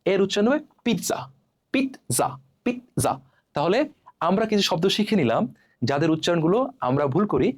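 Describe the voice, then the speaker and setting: Man teaching word pronunciation, slightly high voice. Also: lively intonation, fast. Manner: asks questions then models words. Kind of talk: lesson to camera.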